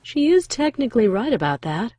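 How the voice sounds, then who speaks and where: A regal pony princess from a cartoon fan drama , acted by a woman, with a soft, mellow tone. She is composed and nonchalant, quietly sly, as if no crisis could bother her. The sound is dry and intimate. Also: a little high, big pitch swings, fairly quick, no echo. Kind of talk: fan fiction audio drama acting.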